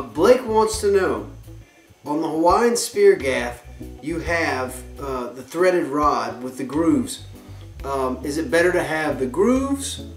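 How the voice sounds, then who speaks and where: Seated on a couch in his living room, a man in his thirties who hosts a kayak fishing show answers viewer questions to camera in an upbeat, chatty way. His voice is on the high side, and it sounds reverberant and far from the mic.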